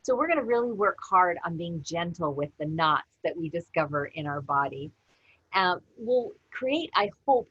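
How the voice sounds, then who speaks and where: A woman yoga teacher gently guiding a class through slow breathing and movement. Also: fairly low pitch, slightly rough, no echo, muffled recording. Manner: gentle, unhurried guidance. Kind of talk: guided yoga class instruction.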